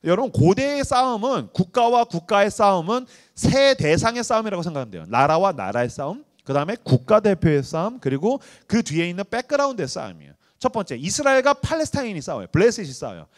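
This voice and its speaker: A man's voice: sits high, fast, few pauses. A male pastor preaching to a youth retreat, talking casually, joking and acting out little dialogues. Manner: animated, acts out dialogues, joking slang.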